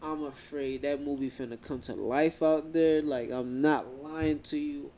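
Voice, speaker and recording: A young man co-hosting a podcast, chatting casually in animated slang and talking over his co-host. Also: fairly high pitch, a little slow. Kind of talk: casual chat.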